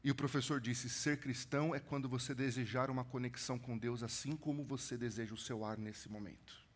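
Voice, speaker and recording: Animated São Paulo pastor preaching. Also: male voice, medium pitch, a little fast. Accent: São Paulo Brazilian Portuguese. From São Paulo, Brazil. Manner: animated storytelling, swings from loud build-ups to hushed lines. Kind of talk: sermon. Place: church stage.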